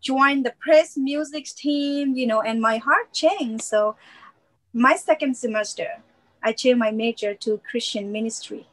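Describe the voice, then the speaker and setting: A woman's voice: on the high side, measured pace, a bit bright, rough recording. A woman born in Myanmar and raised in Thailand telling her story in an interview, with simple phrasing and many "you know" fillers. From Myanmar, grew up in Thailand. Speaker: missionary guest. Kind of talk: interview answers.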